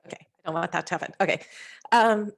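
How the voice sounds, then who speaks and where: A woman scientist presenting slides over a video call, talking in a halting way with frequent fillers and restarts. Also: on the low side, creaky, a little hiss or hum. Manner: hesitant, many fillers and restarts. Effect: heard over a video call. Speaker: scientist presenting a working-group overview.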